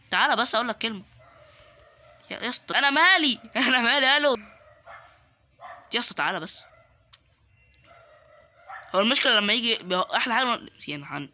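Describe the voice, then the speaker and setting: A young man with an Egyptian Arabic accent commentating his game, excitable and joking as he taunts other players. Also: sits high. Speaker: gaming YouTuber. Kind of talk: live Roblox gameplay commentary.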